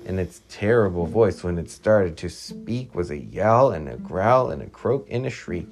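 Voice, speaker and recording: A woman reading a rhyming picture book aloud to a child at home, with lively storytelling. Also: rumbling low, a little slow. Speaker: reader to a child. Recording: music playing behind.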